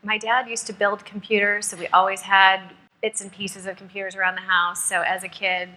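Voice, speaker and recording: A woman's voice: medium pitch, flat delivery, a little fast, sharp tone, slight background noise, poor audio. A woman in her thirties speaking thoughtfully on a panel. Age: 30s. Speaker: panel guest. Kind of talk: panel discussion.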